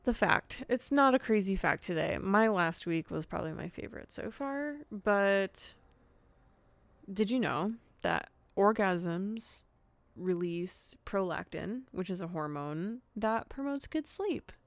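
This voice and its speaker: A woman's voice: mid-range voice, lively intonation, takes it slowly, no echo. A woman hosting her own podcast in a casual solo chat, frank and giggly with lots of fillers. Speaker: podcast host.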